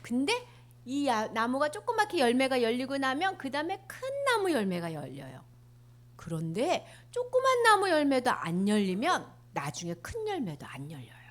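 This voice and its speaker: A woman telling a Bible story to children in an animated way, asking them questions as she goes. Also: high-pitched, normal speed. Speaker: children's sermon teacher.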